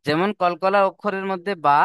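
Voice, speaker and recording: A man's voice: high-pitched, fairly quick, a bit bright, clean tone, dry recording, studio quality. A man teaching Quran reading rules step by step, stretching out the example words in a sung recitation. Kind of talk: slow step-by-step lesson.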